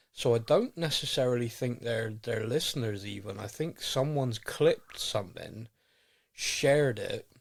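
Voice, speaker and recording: A British man hosting a podcast in casual chat, with a rambling, wry, self-deprecating way of talking. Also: medium pitch. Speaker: podcast host.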